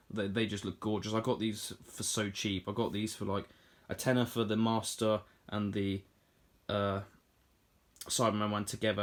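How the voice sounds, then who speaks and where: A British man in his twenties giving an off-the-cuff room tour in casual, enthusiastic, informal vlog chat. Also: lowish voice. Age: 20s. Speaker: collector hosting a room tour.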